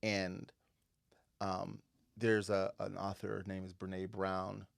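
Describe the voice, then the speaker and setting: A man co-hosting a podcast, speaking in a reflective, measured way with frequent affirming murmurs. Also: low voice, little pitch movement, vocal fry, dry recording, studio quality. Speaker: podcast co-host. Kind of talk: casual podcast chat.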